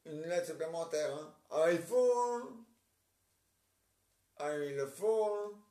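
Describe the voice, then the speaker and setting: A man talking on his own in a casual, rambling monologue, muttering counts under his breath and clearing his throat between fillers. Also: fairly high pitch, animated, slow pace, warm tone. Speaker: vlogger. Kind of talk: casual solo monologue to camera. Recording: roomy echo.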